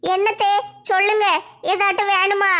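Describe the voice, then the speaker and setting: A woman voicing a meek, put-upon young daughter-in-law in a comedy skit, slower and plaintive. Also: extremely high pitch, flat delivery, a bit bright. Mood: defensive.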